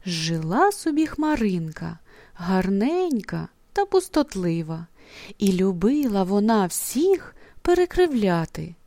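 A woman reading a children's story aloud in an expressive manner, often dropping into soft, hushed passages. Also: medium pitch, slow pace, no echo.

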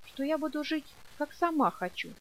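A woman's voice: sits high, lively intonation, normal speed, voice pushed up, poor audio. A woman reading an audiobook and voicing a willful, defiant young girl who explains herself with stubborn childish logic.

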